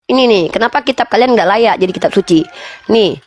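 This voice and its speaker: A woman's voice: mid-range voice, brisk. A woman in a heated online debate, firing insistent, argumentative demands and questions.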